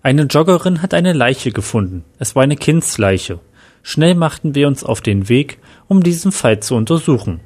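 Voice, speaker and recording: A man's voice: medium pitch, very animated, moderate pace, a little mellow. A man voicing a shaken male police inspector recounting events earnestly.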